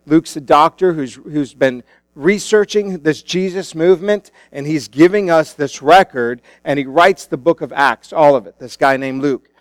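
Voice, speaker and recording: A man's voice: on the high side, moderate pace, no room sound. A male pastor preaching a sermon into a pulpit microphone in a church, in a casual, conversational way with many fillers and restarts. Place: church sanctuary.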